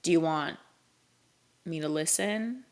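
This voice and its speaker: A woman's voice: low-pitched, slow. A young woman co-hosting a podcast, chatting casually with lots of fillers and laughs. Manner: rambling, filler-heavy, laughs often. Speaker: podcast co-host. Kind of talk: casual chat.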